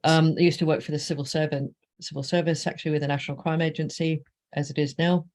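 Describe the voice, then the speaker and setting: A woman's voice: sits low, fairly even intonation, fast, darkish tone. A middle-aged woman from Australia, an author being interviewed, talking casually with many fillers and frequent laughter. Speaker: author guest.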